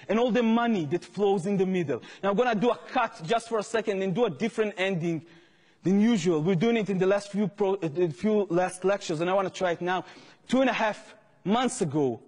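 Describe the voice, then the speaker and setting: A man's voice: sits high, long reverb tail. A man with an Israeli accent giving a public lecture as an activist, telling a story earnestly and growing impassioned.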